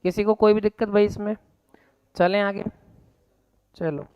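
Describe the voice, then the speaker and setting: A man's voice: high voice, steady tone, a little slow, smooth, lo-fi sound. A male English teacher with an Indian accent, giving a live classroom lecture that mixes Hindi and English and drills students with repeated questions.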